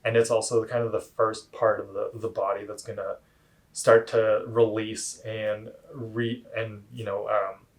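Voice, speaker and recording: A man giving casual, instructional explanations as a coach, in a halting, hedging way. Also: fairly low pitch, level tone. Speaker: cold plunge coach.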